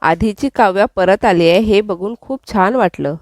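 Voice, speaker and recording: A woman's voice: mid-range voice, moderate pace, no room sound, clean studio sound, lightly acted. A woman voicing a playful, teasing young man in a retold serial scene. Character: young man, teasing, gently mocking hero. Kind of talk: recounted serial dialogue.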